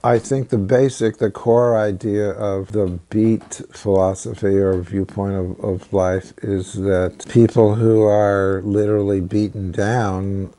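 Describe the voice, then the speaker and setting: A man in a documentary interview, speaking thoughtfully about a poem with halting restarts. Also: on the low side, little pitch movement, dark tone. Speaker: literary scholar interviewee.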